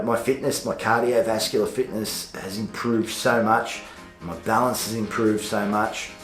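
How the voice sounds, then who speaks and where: Earnest middle-aged man, echoey sound. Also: on the low side. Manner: earnest, agreeable. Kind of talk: casual vlog talk. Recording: echoey room, faint music.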